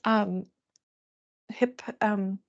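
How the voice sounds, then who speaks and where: A woman leads a gentle yoga class, talking through breaths and twists in an easygoing, unhurried way. Her voice has a gravelly, fry-tinged edge. The sound is a bit dull and lo-fi. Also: mid-range voice. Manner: calm counting cues, relaxed and chatty. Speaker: yoga teacher. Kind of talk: guided restorative yoga class.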